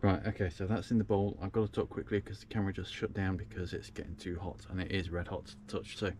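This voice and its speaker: Deep-voiced man chatting in a van. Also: fairly even intonation, fast talker, noisy background. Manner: chatty, rambling with many ums. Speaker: van-life vlogger. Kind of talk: casual chat to camera. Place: inside a small parked van.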